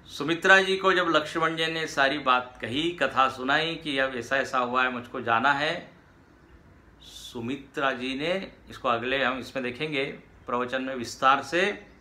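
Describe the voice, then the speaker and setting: A man's voice: mid-range voice, bright, forceful tone. A man giving a spiritual discourse, telling a scripture story and acting out its dialogue, with asides to his listeners and English words mixed in. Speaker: spiritual teacher.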